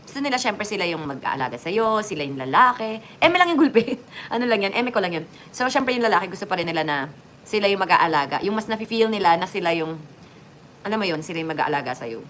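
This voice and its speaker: Chatty Filipina vlogger with jumpy delivery. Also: female voice, quick pace, slight background noise. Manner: chatty, lively swings in pitch and loudness, joking asides. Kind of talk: casual chat to viewers.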